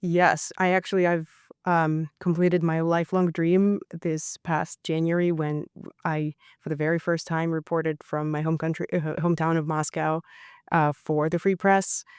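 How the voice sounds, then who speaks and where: A woman's voice: low-pitched, little pitch movement, moderate pace, darkish tone, smooth, no room sound, clean studio sound. A woman in her thirties from Russia, a journalist answering interview questions in a thoughtful, hesitant way with many fillers. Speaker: journalist guest.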